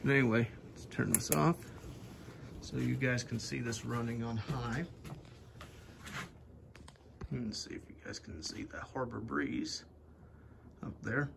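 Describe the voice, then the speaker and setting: Rambling in a casual fan demo with frequent "anyway"s, a young collector films a fan overhead on a handheld phone inside a rafter-roofed attic or shed. His mid-range voice is a little slow and fried, with long pauses and background noise.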